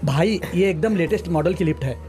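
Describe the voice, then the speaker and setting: A man's voice: sits high, fairly quick, mellow, faint music behind, lightly acted. An actor playing an eager, fawning male henchman in dubbed film dialogue, showing off a building to his boss.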